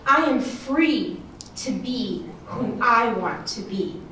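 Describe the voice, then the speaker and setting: An American woman giving a prepared, earnest speech at a forum, measured with some fillers. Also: a little high, animated, bright, forceful tone, a little hiss or hum. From United States. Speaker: panel speaker. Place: museum event space. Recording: echoey hall from far off.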